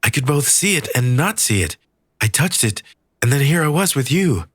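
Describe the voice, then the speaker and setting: A man's voice: big pitch swings, normal speed, husky, dry recording, studio quality. A man voicing a frightened, bewildered woman. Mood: anxious. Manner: breathless, high and urgent. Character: frightened, bewildered woman caught in strange events.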